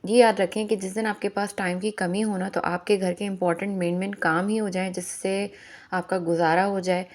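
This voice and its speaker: A woman's voice: mid-range voice, flat delivery, normal speed, a little mellow. A woman, chatting in a voice-over about her home chores and giving friendly advice, with English phrases mixed in. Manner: chatty, advising, mixes English phrases into Hindi. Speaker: homemaker vlogger.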